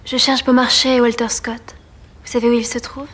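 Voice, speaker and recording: Actress playing a disdainful, quick-witted young aristocrat; rapid delivery, slightly high voice. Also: female voice, little pitch movement, slight background noise, lightly acted. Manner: haughty, quick-witted, sharp retorts. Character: proud witty young aristocratic woman, disdainful. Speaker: Mathilde, the marquis's daughter. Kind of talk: period film drama.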